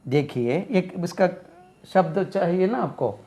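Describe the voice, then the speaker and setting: A man's voice: high-pitched, animated, slow, dark tone. A man teaching English pronunciation, explaining step by step and repeating words to model sounds. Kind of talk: classroom explanation.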